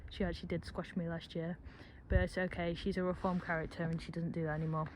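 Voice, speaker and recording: A woman's voice: fairly low pitch, level tone, fast talker, rough recording. A young woman chatting casually while she films her stable yard, rambling with joking asides. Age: young adult. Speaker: vlogger at a horse yard. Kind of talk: casual vlog narration. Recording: outdoor background noise.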